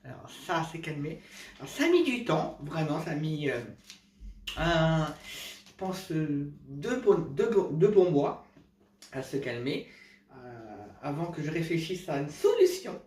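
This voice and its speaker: A man with a cold shares home remedy tips to camera at home at night, speaking casually but hesitantly, with many restarts and self-corrections. His voice is on the high side, very animated and a little mellow, picked up roomy and from a distance with slight background noise.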